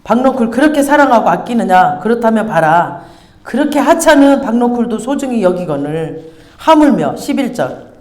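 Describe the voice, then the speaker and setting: A woman pastor preaching a sermon in a lively, teasing, conversational way, acting out scenes for her congregation. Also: a little high, moderate pace. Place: church hall. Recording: roomy church hall echo.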